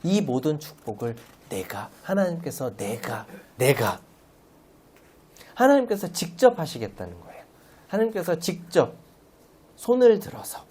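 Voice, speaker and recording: Animated man preaching a Sunday sermon. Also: on the high side, a little slow, breathy edge. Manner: animated, asks the congregation rhetorical questions; playful, uses everyday comparisons. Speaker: lay preacher.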